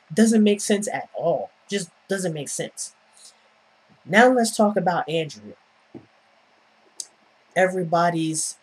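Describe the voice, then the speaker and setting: A woman's voice: lowish voice, darkish tone, husky. A woman giving a casual, opinionated TV episode review, exasperated and sarcastic, firing off repeated rhetorical questions.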